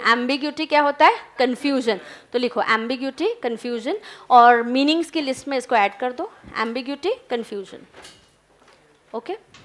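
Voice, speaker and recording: एक महिला शिक्षिका कक्षा में छात्रों को हिंदी और अंग्रेज़ी मिलाकर समझाती हुई व्याख्यान देती है।. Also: female voice, sits high, a bit bright. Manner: mixes Hindi and English, coaxing students. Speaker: teacher. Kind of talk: classroom lecture. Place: classroom.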